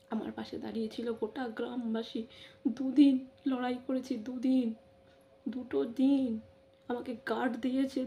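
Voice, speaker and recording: A woman's voice: high-pitched, creaky, lo-fi sound. A middle-aged woman vlogger giving an emotional personal monologue. She talks with passion, repeats phrases and keeps affirming herself with short interjections. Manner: impassioned, repetitive, frequent affirming interjections.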